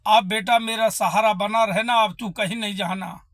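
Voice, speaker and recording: A man's voice: sits high, fairly even intonation, moderate pace, a bit bright, no echo, studio quality. A man voicing a frail, widowed old mother in a devotional story, pleading through tears. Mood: tearful pleading. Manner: pleading, tearful.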